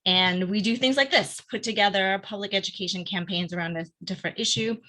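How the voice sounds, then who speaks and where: Bright-voiced woman giving a video-call talk. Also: mid-range voice, brisk. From Argentina. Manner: upbeat and conversational, frequent "um"s. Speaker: guest speaker, advocacy field director. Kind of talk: informal presentation on a video call.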